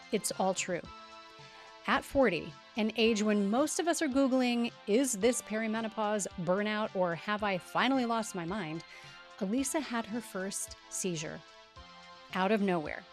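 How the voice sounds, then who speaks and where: A middle-aged woman hosting a podcast, reading a scripted introduction in an emphatic, conversational way. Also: medium pitch. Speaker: podcast host.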